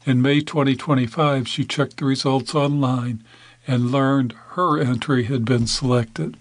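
A man reading a news article in a measured, even scripted narration, with the odd small slip. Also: mid-range voice.

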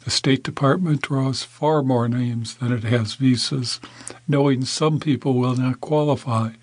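A man's voice: mid-range voice, fairly even intonation, measured pace, no room sound. Man reading a news story, dry. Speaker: news narrator. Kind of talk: scripted news narration.

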